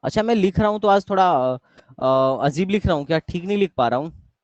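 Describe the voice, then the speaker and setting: Young man, online math teacher, higher voice, dry muffled audio. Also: lively intonation, a little fast, darkish tone, no room sound. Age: young adult. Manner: keeps quizzing students, repeats questions. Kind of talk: live online class lecture.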